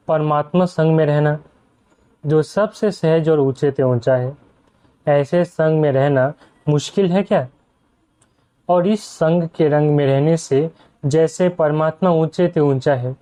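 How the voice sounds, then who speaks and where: This spiritual speaker has a fairly high, warm voice and addresses an assembled crowd, often asking them rhetorical questions. It comes through as a dull, lo-fi recording.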